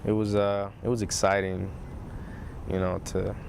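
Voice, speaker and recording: A young man with a low, flat voice speaks in a relaxed, halting way. Urban noise and passing traffic carry on behind him. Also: gravelly. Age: young adult. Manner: halting, casual with "you know". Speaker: interviewee. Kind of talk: documentary interview.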